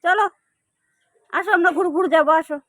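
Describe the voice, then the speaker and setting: A woman's voice: very high voice, fairly quick, a bit bright. A woman vlogging in casual chat, coaxing her pet bird with repeated sing-song calls.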